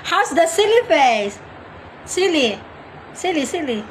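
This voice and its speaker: A woman's voice: high-pitched, big pitch swings, takes it slowly, slight background noise. A young Filipino-accented mother playfully coaxing her toddler through faces at home, giggling often. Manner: coaxing, giggly, sing-song prompting.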